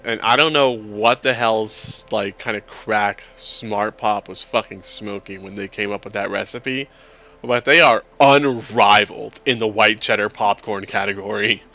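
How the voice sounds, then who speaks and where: Gravelly-voiced man running a tabletop game. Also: fairly low pitch, unhurried, bright, forceful tone, dull audio, faint music behind. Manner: rambling, chatty, laughs often. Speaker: game master.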